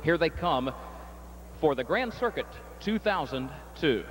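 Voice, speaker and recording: A man calling a harness race as the track announcer, reading entries and calling the running order in crisp broadcast style. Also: a little high, a little hiss or hum, low-quality recording. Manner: rapid crisp calling, rising excitement in stretch. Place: outdoor racetrack.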